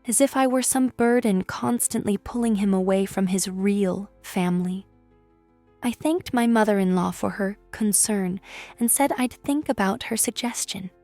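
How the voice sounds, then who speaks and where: A woman reading a first-person story in a calm, measured narration. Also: mid-range voice, soft background music.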